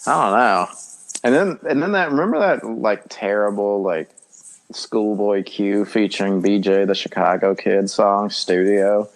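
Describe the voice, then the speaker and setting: Laid-back man joking on a podcast. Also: on the low side. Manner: laid-back, joking, quick bursts of speech. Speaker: podcast co-host. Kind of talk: casual chat.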